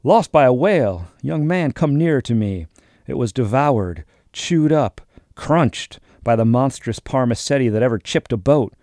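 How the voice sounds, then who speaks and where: Voicing a blustering, suspicious old sea captain, a male narrator goes loud and raises his pitch above his usual reading voice. The performance is animated and a little slow, with a barrage of questions in old-fashioned language. The sound is dark, dry, and close.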